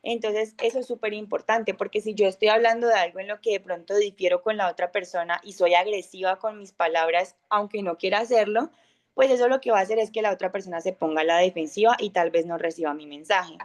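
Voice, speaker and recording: A young adult woman giving an informal talk on communication, speaking loudly and with a high voice, full of fillers and acted-out examples. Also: steady tone, quick pace. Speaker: speaker of an online masterclass.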